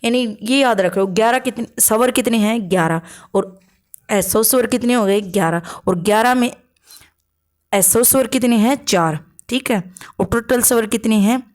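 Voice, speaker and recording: During an exam-prep grammar lesson, a teacher with a slightly high, darkish voice speaks at a moderate pace while quizzing her class. Her habit is to answer her own questions, and she tags on "okay" again and again to check in.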